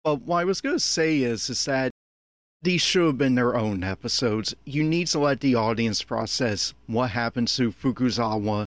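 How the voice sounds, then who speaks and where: This man, medium-pitched and animated at a normal speed, keeps up an improvised commentary on an anime episode in a dry recording. His take is opinionated, critical and exasperated.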